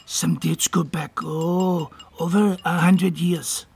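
A man's voice: on the high side, fairly even intonation, takes it slowly, vocal fry, darkish tone, breathy edge, full character voice. An actor playing a courteous, inquisitive French man with a French accent, speaking in a formal, polite way in a radio drama. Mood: courteous, curious.

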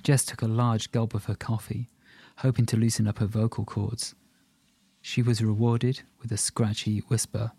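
A man narrating an audiobook in a calm, even storytelling manner. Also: lowish voice, normal speed, creaky, husky, dry recording. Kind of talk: scripted narration.

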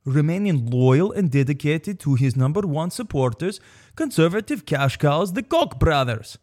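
A man's voice: on the high side, sing-song, normal speed, a little mellow. A man hosting a satirical comedy show in a brash, over-the-top way. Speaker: host.

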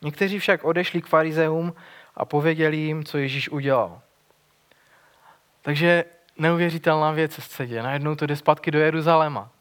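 A man with a slightly high voice delivers a sermon in an earnest, conversational manner. He retells a gospel story, often restarting his phrases and adding little fillers as he goes. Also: steady tone, a bit bright. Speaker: preacher.

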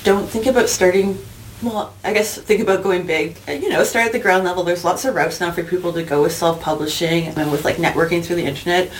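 A woman guest talking on a casual podcast, upbeat and encouraging. Her voice sits a little low for a woman. A faint hiss lies under it. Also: steady tone, fairly quick, rough recording. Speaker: guest illustrator. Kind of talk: casual interview answers.

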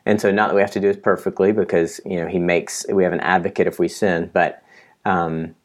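A man's voice: low-pitched, little pitch movement, brisk. A man co-hosting a podcast, talking through a Bible passage in a casual, reflective, self-deprecating way with frequent restarts. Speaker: podcast co-host. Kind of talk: casual Bible study discussion.

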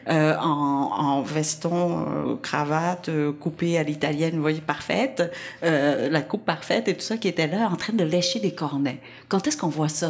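A woman with a Québécois accent recounts a personal anecdote to an audience. She is animated and laughs often through the telling, in a slightly low voice. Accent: Québécois French. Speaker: storyteller.

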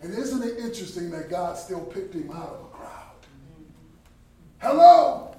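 High-voiced man preaching in an echoey hall. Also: brisk. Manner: animated storytelling, shifts between shouting and quiet. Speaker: Bible study speaker. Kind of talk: sermon. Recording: echoey hall, distant, faint noise.

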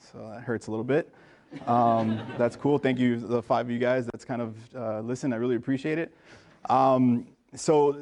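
Mid-range and slightly mellow, this man's voice belongs to an American pharmacist in his thirties addressing pharmacy students in a lecture room. As a guest speaker he keeps things informal, stumbling through plenty of fillers and restarts.

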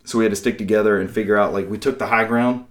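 Low-voiced man chatting about games. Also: fairly even intonation, rapid-fire. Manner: rambling, storytelling with quoted asides. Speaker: podcast host. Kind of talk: casual gaming chat.

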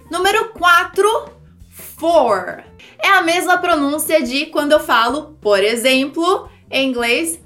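High-voiced woman teaching English slowly. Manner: lively, demonstrative, sounds out words. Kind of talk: video lesson.

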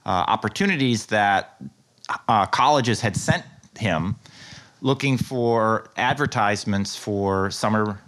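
A low-voiced middle-aged man with a Western New York accent blended with a Long Island one. He speaks as an interview guest in a casual, anecdotal way, like someone telling stories from his own life. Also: slow pace, fairly bright tone. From rural western New York, USA. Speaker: interview guest, marine scientist. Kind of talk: casual conversational storytelling.

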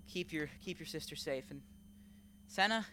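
A man voicing a gruff, dying male warrior in a tabletop game, pleading urgently. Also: on the high side, moderate pace, pushed and bright, a little hiss or hum.

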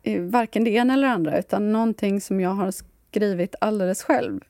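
A woman with a Stockholm accent hosting a podcast, chatting casually and reading aloud with a playful deadpan. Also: medium pitch, dry recording, studio quality. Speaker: podcast host.

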